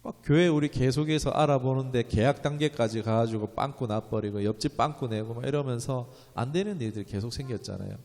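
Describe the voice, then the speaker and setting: A man's voice: mid-range voice, fairly quick, hardly any pauses, a little mellow. A man pastor giving a conversational Friday evening sermon, telling stories and acting out quotes in a raised voice. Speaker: pastor of a small new church. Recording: reverberant church hall.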